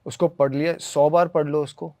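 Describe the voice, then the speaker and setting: A man who acts and makes films, telling lively stories in a casual conversation and mixing in English phrases. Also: a little high, moderate pace, dry recording. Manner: animated storyteller, mixes in English. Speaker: actor and filmmaker.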